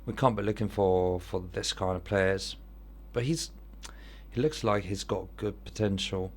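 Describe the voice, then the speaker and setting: A man's voice: deep voice, measured pace. A man with an Italian accent giving casual commentary on an online football manager game, thinking aloud as he weighs his choices.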